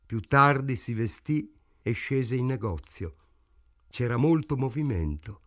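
A man reading a novel aloud in a measured, even way. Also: medium pitch. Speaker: narrator. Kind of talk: audiobook narration.

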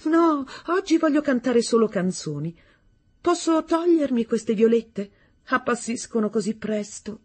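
A woman's voice: lively intonation, measured pace, darkish tone, breathy edge. A woman putting on a breathless foreign countess. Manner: breathless, high and eager.

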